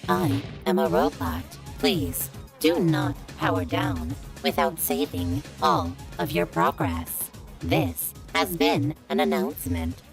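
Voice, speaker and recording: A polite robot announcer, its vocoded voice sweeping downward like a machine powering down. The delivery is slow and monotone, yet the pitch swings widely as the filter sweeps. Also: female voice, vocal fry, soft background music, heavily acted. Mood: mechanical. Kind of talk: demonstration of a voice effect in an audio-editing tutorial.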